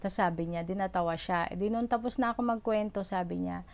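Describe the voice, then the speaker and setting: A woman's voice: medium pitch, steady tone, a little fast, creaky, a little mellow. A middle-aged woman from the Philippines, a mother vlogging about her child, telling her story in an earnest, rambling way with many fillers and acted-out quotes. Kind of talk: personal vlog storytelling.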